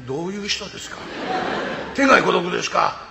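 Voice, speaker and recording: A man's voice: high-pitched, sing-song, a little fast, gravelly, background noise, voice pushed down, full character voice. A man with a Kansai accent voicing a polite, fussy middle-aged neighborhood organizer in a rakugo story, patiently explaining.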